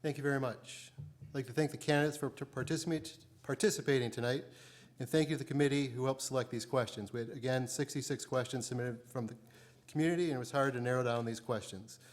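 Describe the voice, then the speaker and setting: Man, mid pitch, rapid-fire forum moderator in an auditorium. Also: fairly even intonation. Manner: brisk, with quick thank-yous and restarts. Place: city hall auditorium.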